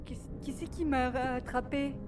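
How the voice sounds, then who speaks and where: A woman's voice: high-pitched, fairly even intonation, measured pace, loud music behind the voice. A woman playing a game with a friend, chatty and laughing often. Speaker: co-op gaming partner. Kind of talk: let's play commentary. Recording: distant mic with clear background noise.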